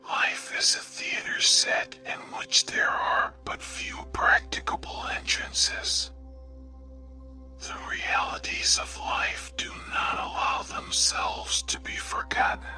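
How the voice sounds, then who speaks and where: A man reading short sayings in a hushed, breathy ASMR whisper, deliberate and measured. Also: faint music behind. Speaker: narrator reading quotations.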